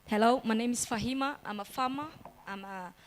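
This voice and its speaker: A woman's voice: fairly high pitch, brisk. Woman from Djibouti, farmer, cooperative head, restarts and repeats. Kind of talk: conference self-introduction.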